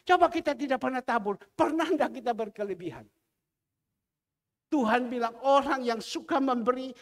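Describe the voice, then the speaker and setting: A male pastor, preaching a sermon as an animated storyteller who acts out the voices of the people in his stories. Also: extremely high pitch. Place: large church hall. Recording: long reverb of a church hall.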